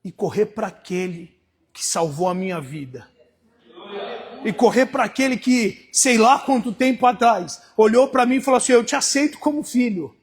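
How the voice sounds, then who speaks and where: Preaching with a Brazilian Portuguese accent, a man delivers a sermon at a moderate pace, his high, husky voice full of lively intonation. His tone sinks into quiet storytelling and climbs into shouted exhortation.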